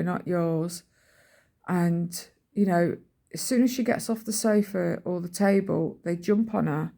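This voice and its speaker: Her voice fairly low and mellow, a middle-aged British woman casually rambles in a vlog about everyday life. She uses colloquial language and acts out other people's remarks.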